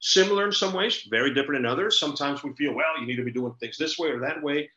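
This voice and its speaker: A middle-aged man from El Salvador hosts a casual talk, bright and forceful in tone. He tells stories earnestly and at length. The recording is roomy and a bit dull and lo-fi. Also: fairly high pitch, fast. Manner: earnest, expansive storytelling. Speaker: podcast host. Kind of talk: casual conversation.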